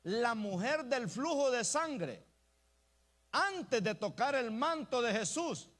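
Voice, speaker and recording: A man's voice: very high-pitched, very animated, slow, fairly bright tone. A male pastor preaching an emphatic sermon, often calling out to the congregation as brothers. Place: church.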